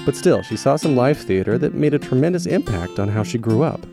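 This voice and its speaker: A man's voice: medium pitch, expressive, a little fast, vocal fry. A man reading scripted linking narration over plucked guitar music.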